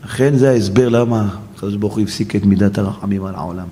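A man preaching a sermon, retelling a story with animated, emotional delivery. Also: on the low side. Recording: echoey hall.

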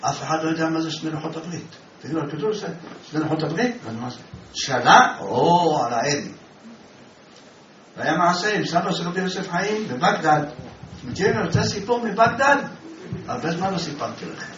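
A man's voice: a little high, lively intonation, fairly bright tone, a little hiss or hum. A man teaching a religious class as a rabbi, telling a story and asking his listeners questions. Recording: echoey room, distant mic, dull sound.

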